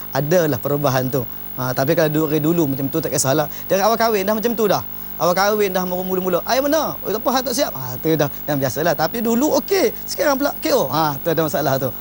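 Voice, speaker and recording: A fast-talking man gives marriage advice in an informal talk. His voice sits a little high, and he presses his points emphatically, often starting his lines with "ha". A faint hum runs under the recording. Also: animated, darkish tone. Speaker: speaker giving marriage advice.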